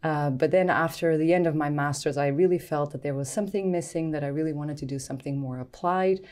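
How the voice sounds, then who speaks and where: A middle-aged woman from Portugal with a Portuguese accent, a guest scientist talking thoughtfully in a podcast interview, with many pauses and ums. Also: low voice, a little mellow. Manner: thoughtful, hesitant with frequent ums.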